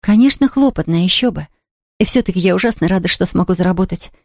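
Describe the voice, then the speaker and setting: A woman reading aloud, voicing an eager, chatty young girl who talks in quick exclamations. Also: lowish voice, lively intonation, no echo, studio quality. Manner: breathless, rapid, exclamatory.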